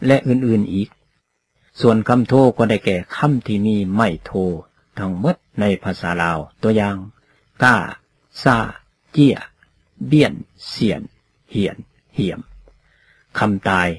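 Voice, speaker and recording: A man giving a read-aloud lecture on poetry, slow and deliberate, sounding out example words one at a time. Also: fairly low pitch, husky. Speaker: teacher of poetry.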